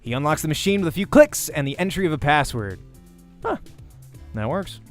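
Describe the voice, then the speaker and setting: With soft music playing behind him, a man narrates a visual novel dramatically, sometimes tripping over words and then fixing them. He's a let's play host and voice actor whose voice sits on the high side, very animated and a little fast.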